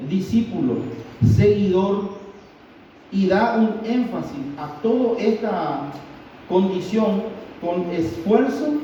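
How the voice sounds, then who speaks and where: A man with a Paraguayan Spanish accent preaching a sermon as pastor, teaching slowly and deliberately. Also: sits high, mellow, a little hiss or hum. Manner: slow, deliberate teaching with pauses. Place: church hall. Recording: distant, dull, very roomy church recording.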